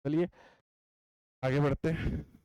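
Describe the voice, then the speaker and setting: A man's voice: fairly high pitch, fairly even intonation, slow pace, dark tone, clear, resonant tone, no echo, rough recording. A young man giving an exam-coaching lecture. He explains in a chatty way, repeats his points and often checks that the class is following. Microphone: writes on a board while talking.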